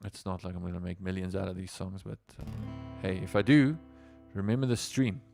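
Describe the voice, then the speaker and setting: This low, creaky, darkish-toned voice belongs to a South African musician whose first language is Afrikaans, telling stories on a relaxed livestream. He talks fairly quickly and rambles, with lots of fillers and restarts. Soft music plays in the background.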